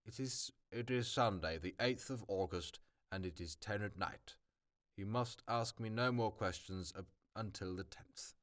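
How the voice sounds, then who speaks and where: A man reading aloud as a brisk, cheerful older male professor, stumbling over words now and then. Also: on the low side, fairly bright tone. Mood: firm. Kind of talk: amateur audiobook reading.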